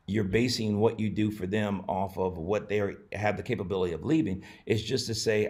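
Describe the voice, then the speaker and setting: Pastor guy on a live stream, lowish voice, earnest and chatty, lots of ums. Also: a little mellow. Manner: earnest, conversational, many fillers and restarts. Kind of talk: live-streamed advice talk. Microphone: camera, not the usual setup.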